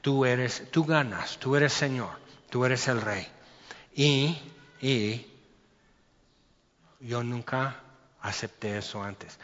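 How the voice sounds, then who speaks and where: A male preacher with a Mexican accent gives a sermon, reading scripture and unpacking it in a relaxed, conversational way with questions to his listeners. His voice carries a long hall reverb. The recording sounds dull and lo-fi. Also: mid-range voice. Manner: conversational, explains verses with rhetorical questions.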